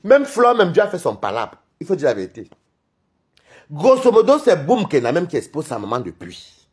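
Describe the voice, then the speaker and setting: His voice sits on the high side and moves at a normal speed as he chats with live-stream viewers. The Cameroonian host speaks with a Cameroonian French accent, gossiping in a rambling, lively manner and laughing a lot.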